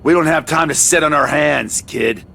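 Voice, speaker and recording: A man voicing a gruff, impatient middle-aged bounty hunter in a hammy anime dub, with a growling delivery. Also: a little high, normal speed, bright, forceful tone, a little hiss or hum. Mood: threatening, impatient. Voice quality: gravelly, growling.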